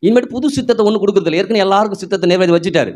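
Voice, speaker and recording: A man's voice: high voice, racing, a little mellow. A man with a Tamil Nadu accent preaching a sermon, asking the congregation questions and calling out hallelujahs. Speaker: pastor.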